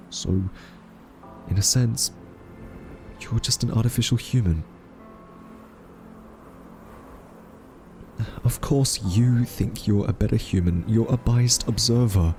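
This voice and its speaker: Sounding exasperated and full of questions, a man with a lowish voice plays a quirky, earnest scientist in an audio drama roleplay. As a thoughtful captive, he speaks softly, hesitates and argues.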